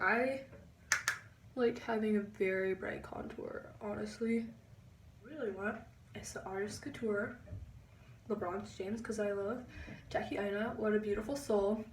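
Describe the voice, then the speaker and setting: A young woman giving a chatty makeup tutorial, pausing as she concentrates. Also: medium pitch, far from the mic, background noise. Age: young adult. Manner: chatty, halting while concentrating. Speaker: beauty vlogger. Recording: echoey room, a bit off-mic.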